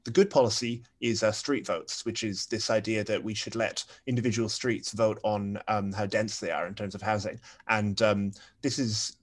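Wry young man, low voice. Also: fairly even intonation, moderate pace, few pauses. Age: young adult. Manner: wry, talks through his points with many fillers. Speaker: podcast guest. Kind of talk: panel discussion.

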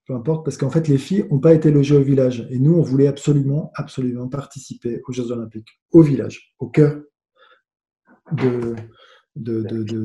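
Guy on a call telling his story, dark mellow voice, echoey room, curses a lot. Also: medium pitch. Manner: animated, swearing, many restarts. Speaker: guest, former tennis player. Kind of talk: casual storytelling. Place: home with noise nearby. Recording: roomy echo.

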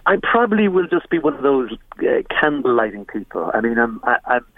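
A man's voice: mid-range voice, very animated, brisk, no echo, phone-quality sound. A man with an Irish accent from County Monaghan, talking conversationally as a guest in a radio interview. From Monaghan, Ireland. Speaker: documentary presenter being interviewed.

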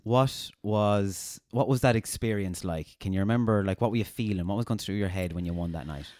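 A man's voice: fairly low pitch, fairly quick, darkish tone, no room sound, clean studio sound. A man asking informal, probing questions as an interviewer in a conversational style.

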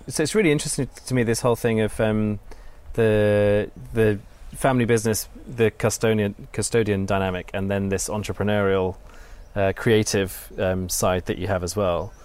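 A man's voice: fairly low pitch, steady tone, normal speed, few pauses, a little mellow. A man hosting a podcast interview, asking meandering, tentative questions in a casual chatty way.

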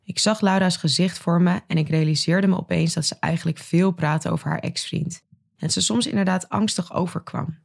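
A woman narrating a personal story in the first person, in a slow, sober reading manner. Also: on the low side, steady tone, gravelly. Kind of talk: scripted narration.

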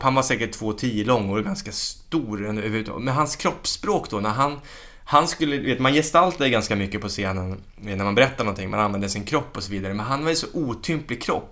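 A man with a bright, forceful voice tells stories in a relaxed chat. He acts out the jokes as he goes and swears freely. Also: medium pitch. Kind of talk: casual chat, telling comedy anecdotes.

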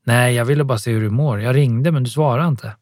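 A man's voice: mid-range voice, darkish tone, no room sound, studio quality, natural voice. A man voicing an earnest, worried woman. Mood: concerned. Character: worried, caring woman, boxing coach. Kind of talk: audiobook dialogue reading.

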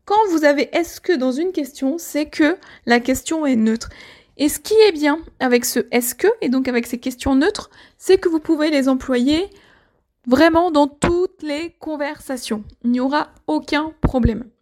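A woman's voice: sits high, measured pace, a little mellow. A woman from France teaching a language lesson, patient and explanatory, often checking in with the learners. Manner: patient, repeats words, checks with "ok?". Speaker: French teacher.

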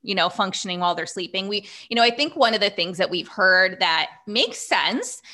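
Bright-voiced woman expert guest. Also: mid-range voice, expressive, moderate pace. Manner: earnest, explanatory, many fillers. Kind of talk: casual conversation.

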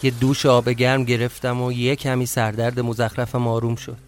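A man's voice: medium pitch, little pitch movement, slight background noise. A man reading a first-person audio drama story in a confiding way, his speech breaking into flustered outbursts at tense moments. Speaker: narrator and reader.

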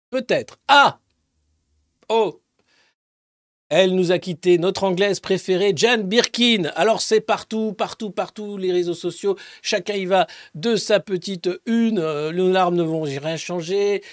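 Male press-review host with a high, dry voice; mocking, swears a lot, swings from loud jabs to mumbled asides. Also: no echo. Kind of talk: casual sarcastic press commentary.

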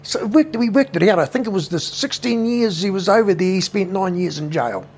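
A man's voice: high-pitched, animated, a little fast, darkish tone, husky. A man in his fifties with a New Zealand accent, telling family stories in a casual interview, blunt and swearing constantly. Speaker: interviewee, brother.

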